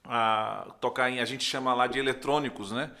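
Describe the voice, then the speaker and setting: His voice is mid-range, creaky and moderately paced: a young northeastern Brazilian pastor from Recife, appearing as a podcast guest. He tells his testimony like an animated storyteller, performing the dialogue and frequently adding "né".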